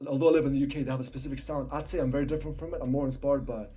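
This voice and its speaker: A young Palestinian rapper, raised speaking Arabic too and carrying a British accent, talks casually as a guest on a podcast interview. He's soft-spoken and a little mumbly, swallowing words in a steady, mid-range voice at rapid-fire speed. Faint background music plays.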